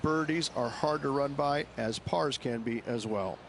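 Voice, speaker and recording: A man's voice: mid-range voice, unhurried, gravelly, background noise. A man playing a golf commentator, giving analysis of the holes and shots. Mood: analytical.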